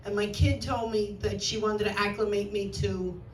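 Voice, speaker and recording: Heard from a distance in a roomy club, a stand-up comedian in her sixties from New York delivers a brash set that pokes fun at herself. She speaks at medium pitch with a steady tone and moderate pace, with slight background noise.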